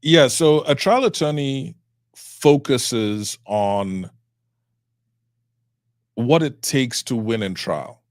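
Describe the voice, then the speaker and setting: A middle-aged man from Cameroon, a trial attorney, speaking as a guest in an interview in a measured, reflective way. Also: mid-range voice, animated, no echo, clean studio sound. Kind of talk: interview conversation.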